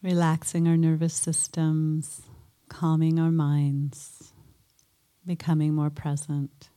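A woman guiding a mindfulness meditation in a soft, gentle way, pausing often between phrases. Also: sits low, monotone. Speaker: meditation teacher.

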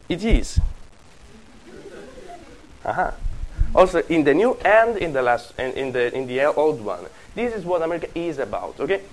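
Speaking in a mid-range voice, this man with an Italian accent lectures at a university, drifting into tangents, fixing his own slips, and tossing jokes to the students. The audio is rough.

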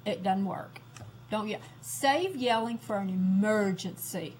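A woman giving a lecture on classroom discipline, slow and deliberate, repeating her key points. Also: medium pitch, darkish tone, slight background noise, rough recording.

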